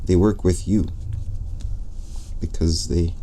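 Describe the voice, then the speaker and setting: A man with a very low voice gives an unhurried, meditative tarot reading. His thoughts wander, and he pauses often before finishing them. A clear hiss of noise sits under the recording. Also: fairly even intonation, warm tone. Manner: musing, drifting, pauses mid-thought. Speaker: tarot reader. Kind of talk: slow, reflective tarot reading.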